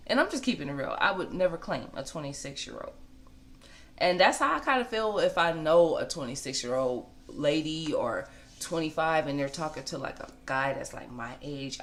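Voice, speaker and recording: American woman, forty, lowish voice, frank and chatty gossip vlogger who drives points home. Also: a bit bright. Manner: blunt, conversational, emphatic repetition. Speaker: celebrity gossip commentator. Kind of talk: casual gossip vlog commentary.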